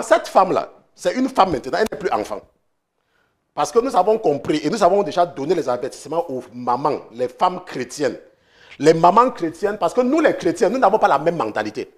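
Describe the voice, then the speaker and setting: A pastor preaching a sermon, repeating his points for emphasis and acting out a phone conversation. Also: on the high side. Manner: preaching with emphatic repetitions, acts out a phone call. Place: church or online study.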